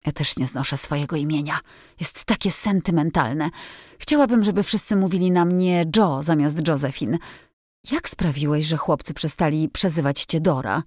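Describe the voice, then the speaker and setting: A woman's voice: low-pitched, moderate pace, darkish tone, no room sound, studio quality. A woman voicing a spirited, blunt teenage girl in a storybook reading, asking eager questions. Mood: lively.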